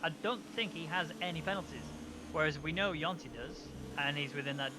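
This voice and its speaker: A man giving live sim racing commentary as a motorsport commentator, with excitable calls. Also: a little high, a little fast, noisy background.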